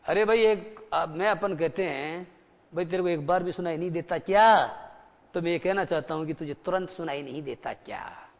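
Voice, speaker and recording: A man's voice: fairly high pitch, moderate pace, gravelly, big-room sound, lo-fi sound. A male teacher giving a grammar lesson in a mix of Hindi and English, repeating key words and asking the class questions.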